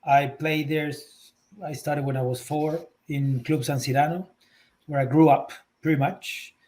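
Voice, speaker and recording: A man from Argentina, a guest in a casual interview on a video call, speaking in a measured way with frequent pauses. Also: fairly high pitch, level tone, darkish tone, poor audio. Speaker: guest, rugby club executive.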